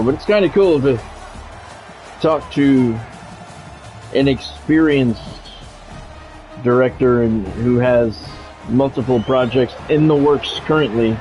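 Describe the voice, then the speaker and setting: Casual chat and sports commentary come from an American game streamer whose humor is wry, informal, and self-deprecating. His voice is medium in pitch and a little mellow, heard through a dull, low-quality microphone.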